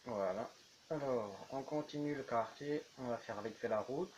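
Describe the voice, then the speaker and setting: A man's voice: medium pitch, moderate pace, darkish tone, slight background noise, poor audio. A man chatting casually while building in a game, rambling on as he goes. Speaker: YouTuber. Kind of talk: casual gameplay commentary.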